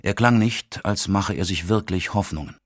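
A man reads a novel aloud in a calm, measured audiobook narration. His voice sits low, and the recording is dry and close, with no room sound. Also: no echo. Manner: calm, measured reading with lightly acted dialogue.

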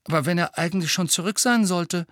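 A man's voice: sits high, a little fast, fairly bright tone, no echo, clean studio sound, voice pushed up. A man reading an audiobook, voicing a clever, worried teenage girl who presses her questions. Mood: indignant, anxious. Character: anxious earnest teenage girl, clever and indignant.

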